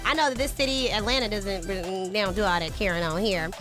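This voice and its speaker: A woman's voice: medium pitch, fairly quick, music in the background. A woman co-hosting a radio podcast, emphatic and colloquial as she tells stories. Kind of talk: casual banter.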